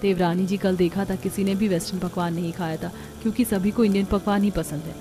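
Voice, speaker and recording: A woman voicing a meek, worried young elder daughter-in-law who talks softly and hesitantly in a cartoon story. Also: medium pitch, steady tone, quick pace, soft background music, lightly acted. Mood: reasoning.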